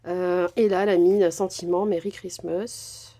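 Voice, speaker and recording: A woman chatting casually as she unboxes craft supplies, gushing over each item and filling pauses often. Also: lowish voice, level tone, warm tone. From France. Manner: chatty, gushing, many fillers. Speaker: crafting vlogger.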